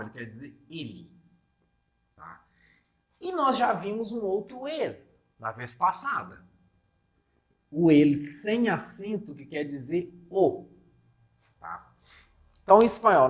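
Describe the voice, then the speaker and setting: Lively Brazilian man teaching a class. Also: on the high side. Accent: Brazilian Portuguese. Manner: explains patiently, checks in with "tá?" after each point. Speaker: Spanish teacher. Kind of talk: exam-prep class lecture.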